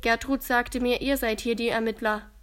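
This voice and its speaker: A woman's voice: on the high side, fairly even intonation, moderate pace, natural voice. A woman voicing a polite, businesslike young insurance man.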